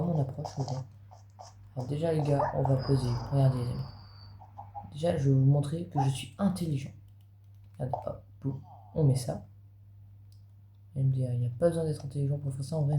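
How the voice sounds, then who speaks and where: A man's voice: mid-range voice, steady tone, normal speed, pauses often. A man giving casual gameplay commentary, chatting straight to his viewers as a gaming video creator. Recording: roomy echo, faint background noise.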